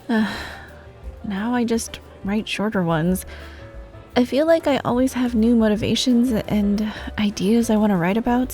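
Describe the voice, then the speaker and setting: In a wholesome ASMR roleplay, a woman plays a friendly popular student who is teasing yet bashful, speaking to the listener softly and casually in a slightly high voice. Her delivery is hesitant and giggly, with music and cafe ambience in the background.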